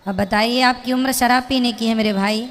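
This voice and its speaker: A woman's voice: a little high, fairly even intonation, brisk, a faint crowd. A woman preacher lecturing a listener with pointed rhetorical questions, speaking plainly and morally. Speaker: spiritual preacher. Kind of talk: preaching to an audience member. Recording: long hall reverb.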